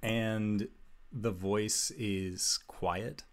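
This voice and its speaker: Low gravelly guy running a tabletop game, slow suspenseful narration, lots of pauses. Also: steady tone. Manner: suspenseful, descriptive storytelling with long pauses. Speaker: game master.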